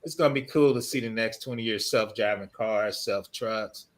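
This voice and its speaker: A man's voice: fairly low pitch, moderate pace. A man in his fifties hosting a casual tech chat, laughing often as he talks. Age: 50s. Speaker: host.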